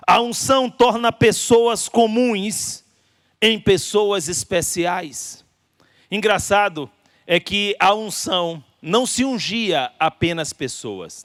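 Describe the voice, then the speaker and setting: A man's voice: high voice, a bit bright, no echo, clean studio sound. Brazilian man preaching emphatically. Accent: Brazilian Portuguese. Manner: emphatic preaching with deliberate pauses and stretched phrases. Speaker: pastor. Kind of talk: sermon.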